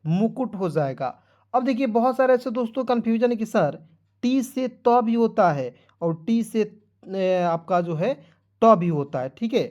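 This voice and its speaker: Man slowly spelling words in a lesson. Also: sits high, animated, darkish tone. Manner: repeats "friends" often, spells letters out slowly and drills. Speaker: teacher. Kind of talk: online lesson.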